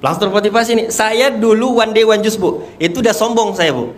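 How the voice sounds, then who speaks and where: A man's voice: high voice, fairly quick, noisy background. A young man, telling an emotional testimony to a live audience and often calling out to his listeners. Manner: emotional storytelling, addresses listeners as Bu and Pak Haji. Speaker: guest giving a testimony.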